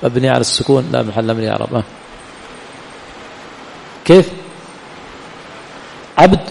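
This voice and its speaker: A man's voice: mid-range voice, expressive, moderate pace, vocal fry, darkish tone, slight background noise. A man teaching a classroom lesson, quizzing his students and then answering his own questions. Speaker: teacher of hadith and grammar. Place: lecture hall of an Islamic study center. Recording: long hall reverb, faint room ambience.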